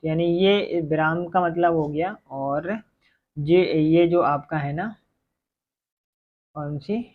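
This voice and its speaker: A man teaching a Hindi grammar lesson for exam preparation, often asking questions and answering them himself, and slowing down to dictate as he writes. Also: a little high. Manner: repetitive questioning, answers his own questions; slow dictation while writing. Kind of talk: online exam-prep lesson. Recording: tinny phone-like audio.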